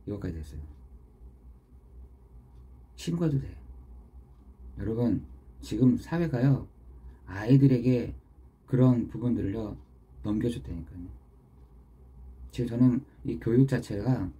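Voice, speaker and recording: A middle-aged man preaching an early morning devotional sermon as pastor, earnest, with sudden loud stresses and soft near-whispered asides. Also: on the low side, breathy edge.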